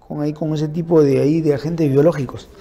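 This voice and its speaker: A man giving an informal law lecture, explaining through lists and examples and checking in with his listeners with quick tag questions. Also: a little high, steady tone, warm tone. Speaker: criminal law instructor. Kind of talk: informal lecture on forensic principles.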